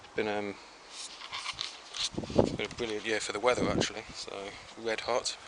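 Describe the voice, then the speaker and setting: Man, lowish voice, rambling casual garden tour, outdoors, background noise. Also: little pitch movement, moderate pace. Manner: chatty, rambling, easygoing. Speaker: home gardener. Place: backyard vegetable garden outdoors.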